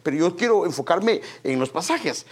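A man's voice: high voice, lively intonation, normal speed, slightly rough. A man preaching a sermon, emphatic, often addressing his listeners as brother.

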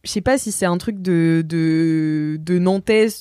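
A French woman co-hosting a podcast in casual chat, pausing often with fillers. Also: lowish voice, dark tone, clear, resonant tone, no echo, clean studio sound. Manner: hesitant, many fillers. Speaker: podcast co-host.

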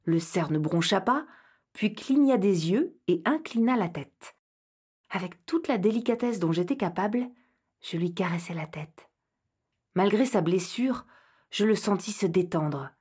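A woman narrating a children's audio story in the first person, lively and expressive, with a slightly husky voice. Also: mid-range voice, a little slow.

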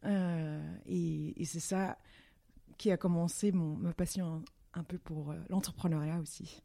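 A woman's voice: on the low side, steady tone, a little slow, vocal fry, warm tone. Hesitant woman in her thirties, interview guest. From Belgium. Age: 30s. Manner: hesitant, many fillers and restarts, friendly. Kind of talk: interview answers.

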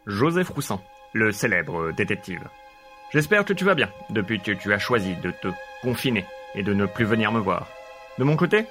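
A man playing an eccentric, self-important father who fancies himself a detective, leaving a rambling voicemail. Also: fairly low pitch. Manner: rambling, pompous, absurdly earnest monologue. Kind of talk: comedic voicemail sketch. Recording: music playing underneath.

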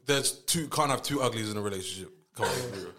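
A man's voice: lowish voice, quick pace, bright, forceful tone. A young man in his twenties with a London roadman street accent, bantering casually and jokily in slang, often repeating his phrases. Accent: London, urban street style. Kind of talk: casual banter among friends. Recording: echoey room with faint background noise.

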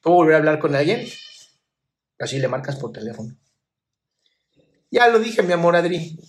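A man with a voice a little higher than most men's hosts a live chat, going through viewer questions one by one. He answers bluntly but affectionately, calling his listeners "my love" as he gives emotional advice. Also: big pitch swings, normal speed. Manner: frank, direct advice. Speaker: live stream host giving emotional advice.

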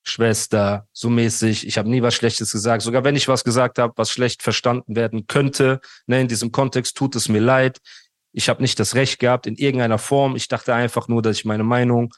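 A man's voice: mid-range voice, moderate pace, dry recording, studio quality. A man in a casual interview, telling a long story and acting out the quoted dialogue of others. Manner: animated, acts out quoted dialogue, says "Bruder" often. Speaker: guest telling his story.

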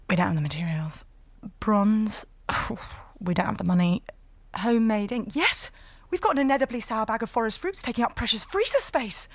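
An exhausted new mother, murmuring her thoughts in a hushed, confessional way. Her voice sits mid-range, and a faint hiss runs behind it. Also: mid-range voice, creaky. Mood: frantic. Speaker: narrator. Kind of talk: intimate dramatic monologue.

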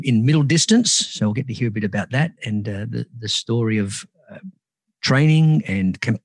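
A man's voice: mid-range voice, no room sound. Australian male host, close dry sound. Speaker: podcast host. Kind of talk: conversational interview hosting.

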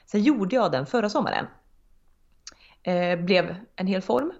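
A woman's voice: mid-range voice, expressive, gravelly, a little mellow. A woman in a casual chat, talking frankly and emphatically and swearing casually. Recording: dull lo-fi sound.

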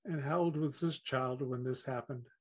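A man's voice: medium pitch, steady tone, moderate pace, a little mellow. A man hosting an interview, asking brief, plain questions.

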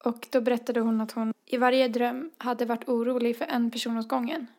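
A woman's voice: a little high, fairly even intonation, a little mellow. A woman in her twenties telling a personal story in a chatty way, full of fillers and acted-out dialogue. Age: 20s. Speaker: podcast co-host. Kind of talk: casual storytelling.

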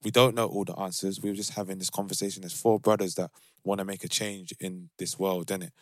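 Lowish-voiced London man, dry sound. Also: fairly even intonation, fast talker, dry recording. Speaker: podcast host. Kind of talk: casual discussion.

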